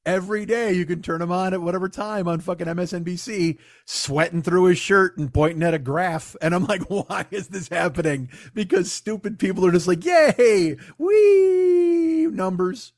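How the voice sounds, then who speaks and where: Hoarse man ranting, gargling-glass gravelly voice. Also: sits high, fairly even intonation, brisk, hardly any pauses, no room sound, studio quality. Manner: ranting, foul-mouthed, self-deprecating. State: hoarse after losing voice. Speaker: podcast host. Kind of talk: casual comedic monologue.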